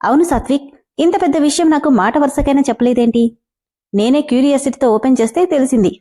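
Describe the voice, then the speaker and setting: A woman's voice: high-pitched, fast talker, mellow, voice pushed up, close to an everyday voice. A woman reading a storybook voicing an emotional young bank colleague who pleads and feels hurt. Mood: pleading.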